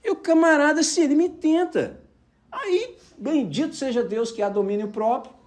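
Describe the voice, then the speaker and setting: This man's voice is very high-pitched, at normal speed, as he preaches an informal sermon. Animated and anecdotal, he shares personal stories and repeatedly asks the audience if they follow.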